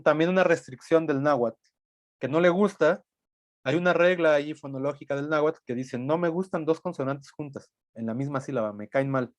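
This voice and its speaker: A man's voice: a little high, a little mellow, no echo. A man teaching a language class, explaining step by step and thinking aloud, often checking in with tag questions. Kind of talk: recorded lecture.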